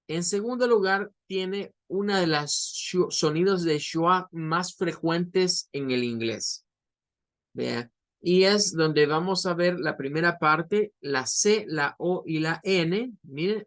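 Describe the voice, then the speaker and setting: A man teaching English pronunciation in Spanish, repeating each example word slowly and deliberately. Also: a little high, a bit bright. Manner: slow, deliberate, repeats example words drawn out. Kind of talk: online pronunciation lesson.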